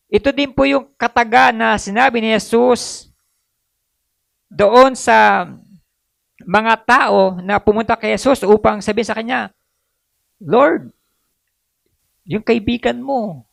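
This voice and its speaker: A man preaching a sermon, mixing in English, reading verses slowly and adding frequent tag questions and hesitations. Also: high voice, creaky, fairly bright tone, no echo. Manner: switches between Tagalog and English, reads Bible verses slowly. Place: church.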